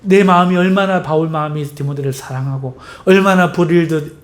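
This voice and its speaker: A male pastor preaching a sermon, emphatic, swinging in pitch and loudness, and putting rhetorical questions to the congregation. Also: a little fast.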